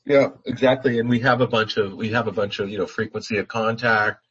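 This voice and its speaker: Low-voiced man, team leader, earnest. Husky tone, lo-fi call audio. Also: fairly even intonation, fairly quick, a bit bright. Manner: earnest, restarts phrases. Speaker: team leader being coached. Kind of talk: call conversation.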